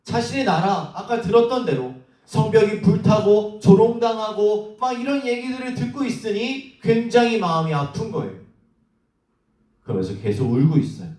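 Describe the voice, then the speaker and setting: A man's voice: high voice, lively intonation, normal speed, darkish tone, recorded from a distance. A man giving a children's sermon in church, asking the kids questions and acting out the quoted lines. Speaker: children's ministry preacher. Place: church hall. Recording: roomy echo, from the mic.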